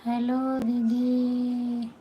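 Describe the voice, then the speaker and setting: A woman with an Awadhi-tinged Hindi accent chats on a phone live stream in a slightly high voice. She talks in a familiar, easygoing way, greeting viewers by name and reading their comments out as they come in. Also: monotone, extremely slow, muffled recording, slight background noise. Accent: Awadhi-influenced Hindi. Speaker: folk singer hosting a live stream.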